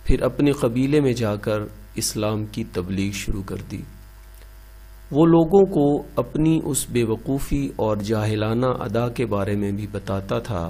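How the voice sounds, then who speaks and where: A man narrating a moral story in a measured, reverent, scripted way. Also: fairly low pitch, a little mellow.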